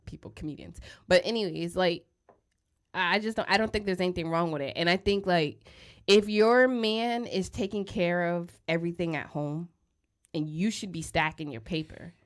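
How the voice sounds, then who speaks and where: A woman in her thirties co-hosting a casual studio podcast, outspoken and joking, often breaking into loud laughs. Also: lowish voice, normal speed, gravelly. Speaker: podcast co-host. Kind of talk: casual chat. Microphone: studio microphone.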